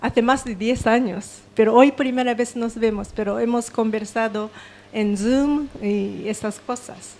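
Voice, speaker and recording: A woman with a Japanese accent speaks in a fairly high voice at an unhurried pace. Japanese is her native language, and her unscripted delivery is halting and non-fluent. Clear room noise surrounds her. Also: a little mellow. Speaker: audience member at a book presentation. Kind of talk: unscripted, informal remarks. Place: live event, passed handheld microphone.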